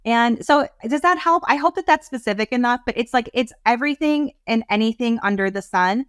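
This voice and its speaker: A woman coach speaks as a podcast guest in an animated, rambling, heartfelt way. Her voice sits a bit high, and the sound is dry and close with no room echo. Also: brisk, clean tone. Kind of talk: casual interview talk.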